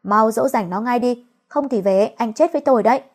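A woman's voice: on the high side, brisk, darkish tone, close to an everyday voice. A woman reading the part of an older mother who scolds her son and dotes on her daughter-in-law. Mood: scolding.

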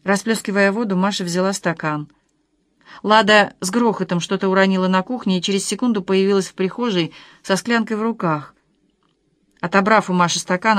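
An audiobook reader narrating a novel in a steady, even storytelling voice. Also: mid-range voice, no echo, clean studio sound.

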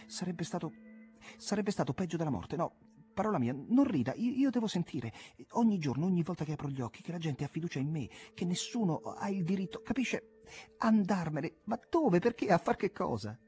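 A man's voice: medium pitch, very animated, normal speed, a little mellow, faint music behind, pitched above the performer's own voice, lightly acted. A man voicing an earnest, proud young man whose speech climbs into urgent, pleading outbursts in an audiobook reading.

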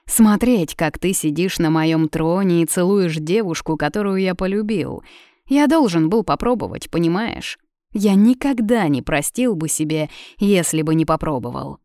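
Audiobook villain: a woman playing a proud, smug young prince, low-voiced and dark. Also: measured pace, no room sound, studio quality. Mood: bitter. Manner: smug and taunting.

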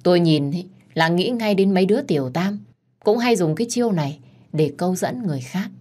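Woman narrator, somewhat low voice, first-person drama, indignant, expressive. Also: a little fast, slightly rough.

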